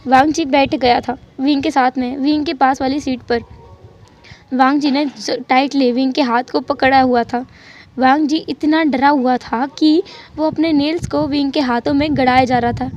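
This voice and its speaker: A woman telling a fan fiction story in an animated, dramatic way. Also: high voice, highs cut off. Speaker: channel storyteller.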